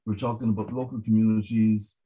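Mellow, even-toned west of Ireland man. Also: lowish voice, highs cut off. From Galway, west of Ireland. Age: middle-aged. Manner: measured, hesitant repetition of words, frequent 'you know'. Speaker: marine scientist guest. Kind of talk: conversational interview explanation.

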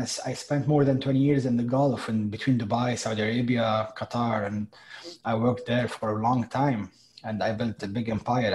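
A middle-aged man from Lebanon, a business owner talking as an interview guest in a reflective, halting way with repeated words. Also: mid-range voice, darkish tone, low-quality recording. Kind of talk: conversational interview.

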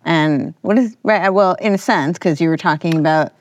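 A woman's voice: fairly low pitch, moderate pace, muffled recording, slight background noise. A woman hosting a casual conversational podcast interview, thinking aloud in a tentative way. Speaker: podcast host.

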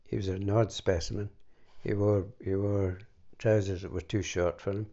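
An older Scottish man reminisces in a very low, gravelly voice. He speaks haltingly, pausing and restarting often. The recording sounds somewhat dull and lo-fi. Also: level tone, warm tone. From Scotland. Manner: halting, many fillers and restarts. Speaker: interviewee. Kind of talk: reminiscing conversation.

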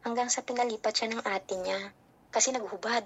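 A woman's voice: a little high, brisk, crowd noise. A middle-aged woman, casually telling a story about her child and acting out what people said. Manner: animated storytelling, acting out dialogue.

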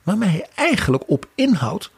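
A man with a gravelly, very raspy voice talks politics as a podcast co-host. He is wry and animated, his pitch swinging widely. The sound is close and dry. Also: normal speed, no echo. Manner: animated, wry commentary with quoted asides. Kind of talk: political analysis chat.

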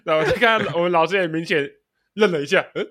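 A man's voice: high voice, rapid-fire, a bit bright. A young man, co-hosting a casual podcast and telling stories while laughing often. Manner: storytelling, laughing often mid-sentence. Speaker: podcast co-host. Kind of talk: casual chat.

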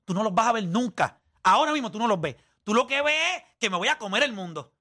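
Man, high voice, bright tone, insistent, keeps cutting in, long sports analogies. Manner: insistent, talks over others, explains with long analogies. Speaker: podcast co-host. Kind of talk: heated sports debate.

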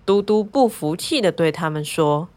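A woman narrating a children's story in a gentle, lively, clearly paced way. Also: on the low side, normal speed.

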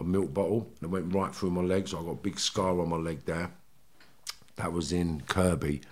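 A man with a low, deep voice and a Liverpool Scouse accent speaks as an interview guest. He tells his story candidly in colloquial language, often checking that the listener follows. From Liverpool, England. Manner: colloquial, often checks in with "you know" and "right". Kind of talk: candid personal storytelling in conversation.

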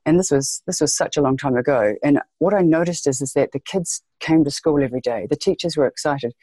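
On a podcast interview, a woman from New Zealand with a New Zealand accent appears as a guest and education leader. Her low-pitched voice is warm and a little fast, she speaks earnestly while repeating phrases for emphasis, and there's no room sound.

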